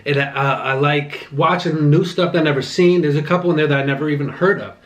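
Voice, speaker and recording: A young man with a slightly high voice chats loosely through a mukbang movie review. He rambles, restarts his sentences and leans on casual fillers. The talk stays relaxed and unscripted, like a host talking straight to his regular viewers. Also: fast. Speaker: channel host reviewing movies while eating.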